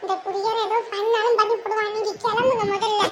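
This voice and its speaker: A woman's voice: extremely high pitch, little pitch movement, quick pace, fairly bright tone, a little hiss or hum. A worn-down, pleading mother. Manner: pleading yet firm, sends guest away. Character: weary mother fed up with her drunk husband.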